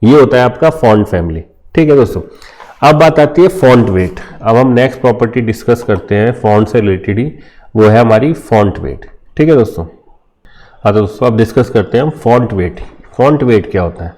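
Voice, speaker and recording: A man with an Indian accent talks through a screen-recorded coding lesson at an ordinary pitch. His voice is dark and mellow, and his manner is loose and chatty, full of little "okay, friends" check-ins. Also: animated, brisk. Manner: informal, addresses viewers as friends, frequent "theek hai" fillers. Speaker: coding tutor.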